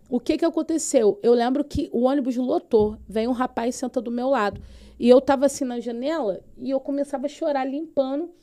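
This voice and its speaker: A woman's voice: high-pitched, warm tone. A woman pastor with a Brazilian Portuguese accent, telling her personal faith testimony as a podcast guest with fervent, vivid storytelling.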